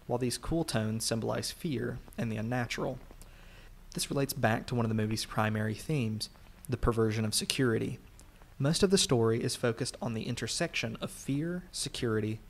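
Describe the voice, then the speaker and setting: Narrating a scripted video essay, this man has an average male pitch and audible vocal fry. His explanations are measured, with every point laid out plainly, and slight background noise can be heard.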